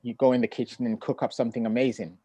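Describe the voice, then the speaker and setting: A middle-aged man who grew up in Ghana, a poet, reading his poems and talking about family in a measured, reflective way over a video call. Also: mid-range voice, little pitch movement, dark tone, no room sound. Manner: measured and reflective, with thoughtful pauses. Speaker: poet and author. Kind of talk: poetry reading and relaxed conversation.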